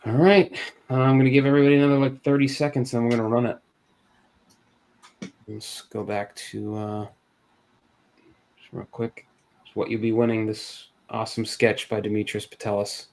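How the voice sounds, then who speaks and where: A man's voice: mid-range voice, little pitch movement, normal speed, long pauses, darkish tone. A man hosting a casual live-stream card giveaway over a video call, loose and chatty, often restarting his sentences.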